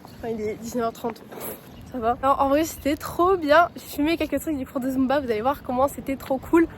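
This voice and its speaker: A woman's voice: high voice, fairly quick, slight background noise. A woman in her twenties, a student, chatting bluntly and casually in a vlog with lots of slang. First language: French. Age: 20s. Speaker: student vlogger.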